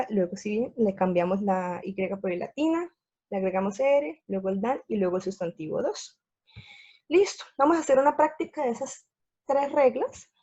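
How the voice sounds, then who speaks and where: A woman's voice: medium pitch, warm tone. A woman teaching a grammar lesson over slides, explaining step by step in a patient way and checking in with her viewers. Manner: patient, repeats steps, checks in with "¿sí?" and "listo". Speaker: English teacher. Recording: dull lo-fi sound.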